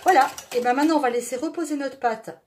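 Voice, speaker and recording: Woman, fairly high pitch, chatty, joking, home kitchen, clinking dishes. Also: quick pace, a little mellow, slight background noise. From southwest France. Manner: chatty, joking, talks while stirring. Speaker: home cooking video host. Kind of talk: chatty cooking demonstration.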